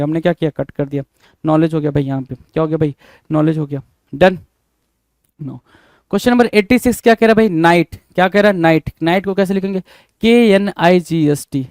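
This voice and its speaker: A man's voice: high voice, a little mellow, smooth, no room sound, clean studio sound. A man with an Indian accent teaches English spelling in an online exam-prep lesson. He spells words out letter by letter, asks questions and answers them himself, and often calls his listeners "bhai".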